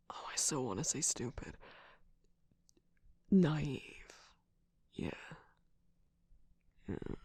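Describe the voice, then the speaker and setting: Man voicing breathy, sly Shadow Milk Cookie, half-whispered. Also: mid-range voice, darkish tone, no room sound, exaggerated voice. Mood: grudging, confiding. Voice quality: breathy, husky, often whispering. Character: sly, distrustful male jester cookie villain, teasing and guarded. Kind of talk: intimate ASMR roleplay. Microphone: close-up microphone, dry.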